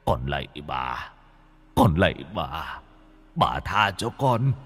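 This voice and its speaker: A man's voice: a bass voice, big pitch swings, slow, fairly bright tone, slightly rough, in a large hall, voice pushed down, heavily acted. A man voicing a tormented man who whimpers and begs a demon for mercy. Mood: pleading. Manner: pleading, whimpering.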